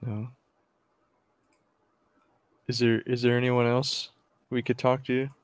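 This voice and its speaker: A man's voice: medium pitch, monotone, slow, smooth, no echo. A man chatting casually and role-playing in a tabletop game with friends. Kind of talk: casual role-play chat.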